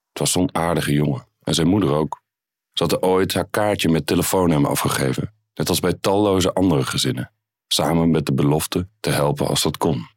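A man reading his own crime story aloud in a calm, measured way. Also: rumbling low, no room sound, clean studio sound.

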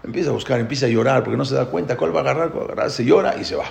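A man telling a parable in an animated way, emphatic and repetitive, often restarting his sentences. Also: mid-range voice, very fast, vocal fry. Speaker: guest telling a religious parable. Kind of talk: animated storytelling. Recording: echoey room.

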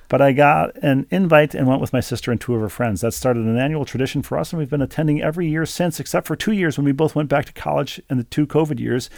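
A man's voice: a little high, vocal fry, darkish tone, no echo. A man co-hosting a casual podcast, reading listener letters aloud with chatty asides. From Minnesota. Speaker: podcast co-host.

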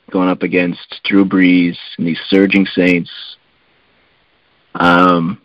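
A man co-hosting a casual sports podcast, relaxed and hedging, with lots of fillers. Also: deep voice, no room sound, muffled recording. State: coughing. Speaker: podcast co-host.

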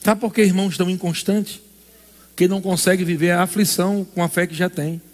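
A man's voice: high-pitched, fairly even intonation, brisk, darkish tone, long reverb tail. A male pastor preaching a sermon in an emphatic call-and-response style.

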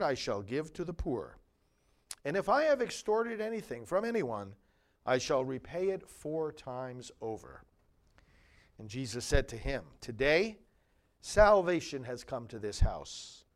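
A male priest delivers scripture and homily with solemn, deliberate emphasis. His voice sits a little high for a man and moves widely in pitch. He takes his time over each phrase, very slowly. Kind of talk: liturgical scripture reading and homily.

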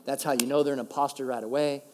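A male pastor preaching a conversational, emphatic sermon, slowing down to stress key phrases. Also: medium pitch, steady tone, a little mellow. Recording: long reverb of a large hall.

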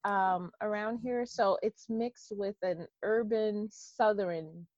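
A woman's voice: mid-range voice, fairly even intonation, takes it slowly, a little mellow, no room sound, highs cut off. A woman from Detroit talking in a casual, earnest and rambling way. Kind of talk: casual conversation.

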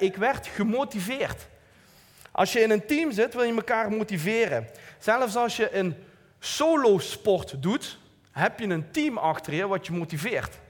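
A man with a Limburg Dutch accent giving an informal, earnest church talk, plain-spoken with light self-mocking asides. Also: high-pitched. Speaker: lay preacher. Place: church hall. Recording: long hall reverb.

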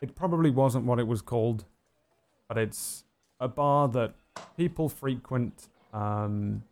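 A man improvising narration as game master of a tabletop game, halting as he thinks aloud. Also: mid-range voice, a little mellow.

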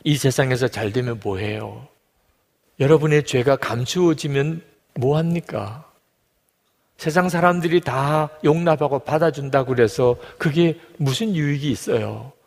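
A man's voice: mid-range voice, measured pace, gravelly, darkish tone, big-room sound. A male pastor preaching a sermon in a church, emphatic and full of rhetorical questions.

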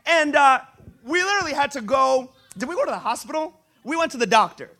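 A man in his thirties from Brazil, preaching a sermon told through animated, humorous personal stories. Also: extremely high pitch, brisk. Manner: animated, humorous storytelling with laughs.

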